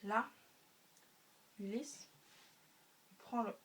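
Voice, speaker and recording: A woman's voice: medium pitch, steady tone, very slow, fairly bright tone. Hesitant woman retelling a story. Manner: hesitant, many fillers, spoken sound effects. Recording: faint room noise, mic a bit distant.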